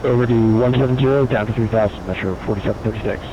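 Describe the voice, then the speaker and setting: A male pilot reads back air traffic control instructions over the radio at a rapid pace. The sound is dull and lo-fi, with clear aircraft noise. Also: on the low side.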